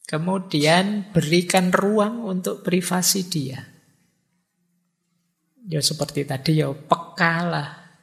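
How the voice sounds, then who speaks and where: A man with a Javanese accent lectures an audience in a relaxed, chatty way, dropping in joking everyday examples. His voice sits a bit high for a man and has a gravelly edge. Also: slow, long pauses. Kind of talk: relaxed public talk to an audience.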